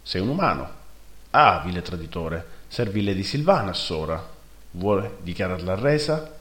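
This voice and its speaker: A man voicing a gruff, suspicious male dwarf captain who talks bluntly, in a roomy recording. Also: deep voice, big pitch swings, moderate pace, a bit bright. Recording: roomy echo.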